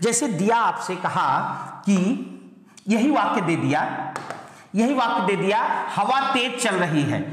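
A male teacher drills his students with question after question, fondly calling them "beta". He stretches each example sentence out word by word so no one can miss it. His voice booms around a very echoey room with a long, ringing reverb. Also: expressive, a bit bright. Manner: slows right down to spell out example sentences. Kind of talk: online exam-prep grammar lesson.

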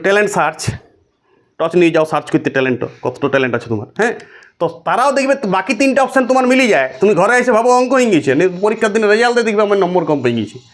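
High-voiced fast-talking male teacher. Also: big pitch swings. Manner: explains with rhetorical questions to students. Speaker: physics teacher. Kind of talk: classroom lecture.

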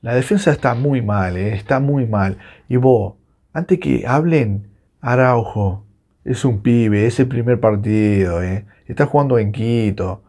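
A Uruguayan man with a Rioplatense accent, reacting live to a football match with excitable, swearing rants. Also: medium pitch, a little slow. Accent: Rioplatense Spanish. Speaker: football fan reacting on his channel.

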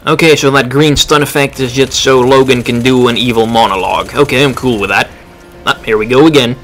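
A man's voice: medium pitch, steady tone, brisk. Offhand man commentating a game. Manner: offhand, wry. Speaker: let's play commentator. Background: game music.

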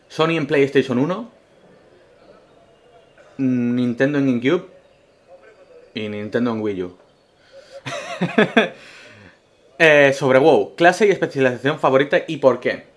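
Spanish guy from spain, gaming youtuber reading fan questions, goofy absurd jokes, loud then mumbly. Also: mid-range voice. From Castellón, Spain. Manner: joking, absurd humor, swings between loud bursts and mumbled asides. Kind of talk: casual Q&A vlog, reading viewer questions.

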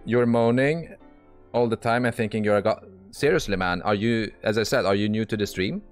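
Blunt, exasperated low-voiced man. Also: normal speed, faint music behind. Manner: exasperated and blunt, swearing, frequent restarts. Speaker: poker streamer. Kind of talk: live-stream commentary while playing online poker.

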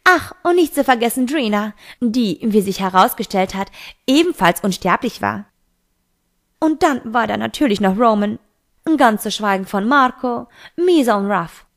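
A probing teenage boy, as a woman reader puts him on in a homemade audiobook. He presses his questions in a pointed, insistent way, the voice sitting a little high. Nothing much changes it from the reader's own voice. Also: animated, moderate pace. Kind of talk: amateur audiobook reading.

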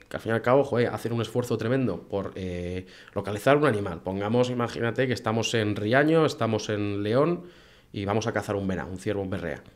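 A man in his thirties with a Castilian Spanish accent chatting on a podcast, telling things in an animated way, acting out quotes and swearing mildly. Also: lowish voice. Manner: animated storytelling with acted-out quotes and mild swearing. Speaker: podcast guest, hunting professional. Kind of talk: casual podcast conversation. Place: small indoor podcast studio. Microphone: close boom-arm studio microphone.

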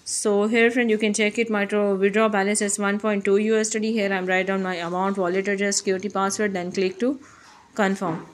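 A woman's voice: medium pitch, little pitch movement, brisk. A woman hosting her channel, walking viewers through a website step by step in non-native English, calling them friend again and again. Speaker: YouTube channel host. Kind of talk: screen-recorded tutorial walkthrough. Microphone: voice-over on phone screen recording.

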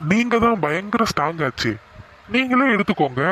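A man voicing a playful young husband in an animated cartoon, teasing and coaxing his wife. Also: high voice, normal speed, a little hiss or hum, exaggerated voice.

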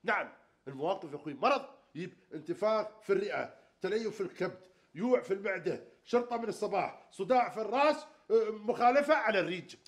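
A man playing the boastful comic lead of a sitcom, quick to rant. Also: sits high, expressive. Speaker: comedy lead. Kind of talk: sitcom acting.

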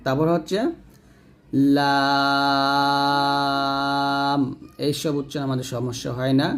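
A man's voice: mid-range voice, racing, darkish tone. A man teaching Quran letter pronunciation step by step, sounding out each letter and answering his own questions.

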